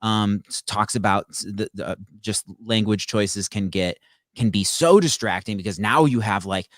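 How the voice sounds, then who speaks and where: A man's voice: fairly low pitch, moderate pace, no echo, studio quality. A man in casual conversation, rambling with many restarts and stammers. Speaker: podcast co-host. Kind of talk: casual chat.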